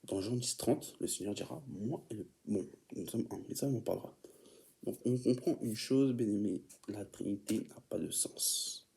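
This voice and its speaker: A man's voice: medium pitch, normal speed, gravelly, warm tone. A man preaching an informal teaching sermon, often stumbling and repeating words as he reads definitions aloud and calls his listeners beloved.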